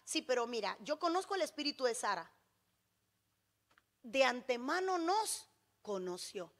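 A woman preacher voicing a calm, fatherly male deity with a reassuring, solemn manner. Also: high voice, a little slow, voice pushed down.

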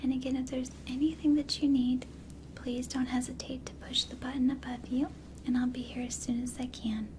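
Young lady doing whispered role-play as a caring flight attendant, really flat soft whisper, soothing, noisy background. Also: sits high, brisk, natural voice. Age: young adult. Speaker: ASMR performer.

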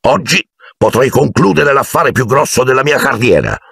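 A man's voice: mid-range voice, expressive, moderate pace, gravelly, fairly bright tone, husky, no echo, clean studio sound, pitched above the performer's own voice, heavily acted. A man voicing a pompous, sour middle-aged uncle in a storybook reading.

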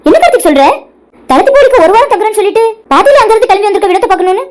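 A woman doing a high-pitched fretful cartoon mother. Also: lively intonation, rapid-fire. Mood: concerned. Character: worried middle-aged mother, caring and anxious.

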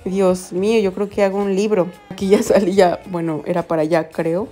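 This young vlogger speaks at medium pitch with little pitch movement, a moderate pace, and a warm tone, with soft music in the background. In her Mexican Spanish accent she tells her viewers giggly, exclamation-filled stories while walking around a quiet town center, then a café.

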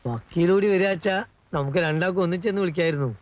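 A man's voice: high voice, fast talker, muffled recording, close to an everyday voice. A man playing a jittery gossiping servant. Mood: grumbling. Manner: anxious, gossipy, comic. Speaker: actor. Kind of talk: film acting.

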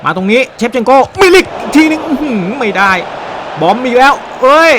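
A man giving excited, animated play-by-play commentary on a football video game, with frequent exclamations and a Thai accent. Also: very high-pitched, fairly quick, background noise. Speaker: gaming YouTuber.

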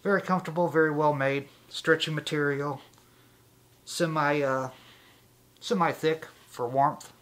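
A man talks through a fleece face mask, giving a casual product review with a bright, forceful voice. His delivery is halting, broken up by frequent filler pauses as he gathers his thoughts. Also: on the high side, fairly even intonation.

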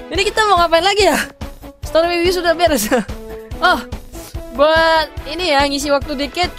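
A woman giving casual gameplay commentary, chatty and joking with viewers. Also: high-pitched. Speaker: gaming channel host. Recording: loud game music behind. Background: loud game music.

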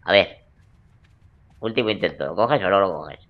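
A man's voice: deep voice, animated, normal speed, lo-fi sound. A young man giving joking, crude gameplay commentary in a teasing, playful way. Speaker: let's play gamer.

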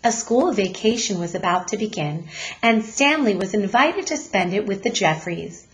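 A woman reading a children's story aloud like a teacher, deliberate and expressive. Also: mid-range voice.

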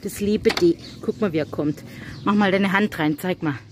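A woman's voice: lowish voice, moderate pace, background noise. A middle-aged woman from Germany, chatting casually as a vlogger in a farmyard and slipping into simple English. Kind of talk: casual vlog chat. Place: farmyard with animal pens.

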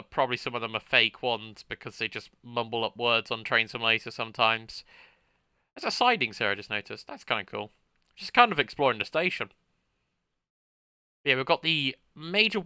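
A chatty man commentates on a train simulator stream, greeting viewers and tossing in playful exclamations. His voice is very bright and edged, smooth and clear, and it sits close and dry on the mic with no room sound. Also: mid-range voice, no room sound. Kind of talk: casual gameplay commentary.

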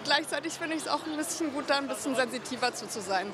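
A woman's voice: high-pitched, animated, fast talker, noisy background. A woman answering a street interview outdoors, balanced and reflective.

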